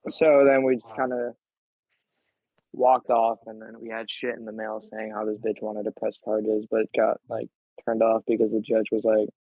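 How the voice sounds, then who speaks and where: A man's voice: lowish voice, little pitch movement, normal speed, dry recording. Profane young man on a tinny line. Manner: crude, profane, rambling storyteller. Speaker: podcast co-host. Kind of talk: casual podcast chat.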